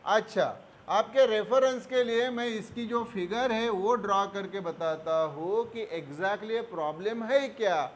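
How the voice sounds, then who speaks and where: Explaining a board problem, this physics teacher talks patiently in a high voice, a little slowly. He answers the questions he poses and speaks to his students with affection, while faint noise sits in the background.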